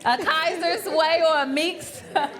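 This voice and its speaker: A woman's voice: very high voice, unhurried. A woman co-hosting a live podcast brunch who laughs often and teases and hypes the audience. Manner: laughing, teasing, hypes the crowd. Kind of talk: lively hosting at a live event. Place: event hall with a live audience. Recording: live room with a loud crowd.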